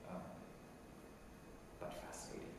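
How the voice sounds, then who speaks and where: A man from Taiwan, a musician in an interview, speaking in a soft-spoken and thoughtful way. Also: measured pace. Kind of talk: casual conversational interview. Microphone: video call. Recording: echoey room, distant mic, audible noise.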